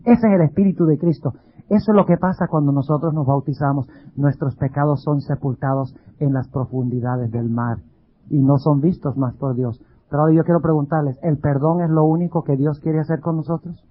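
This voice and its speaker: A man's voice: on the high side, fairly even intonation, fairly quick. A male pastor giving a dramatic sermon, full of rhetorical questions. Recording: dull lo-fi radio sound.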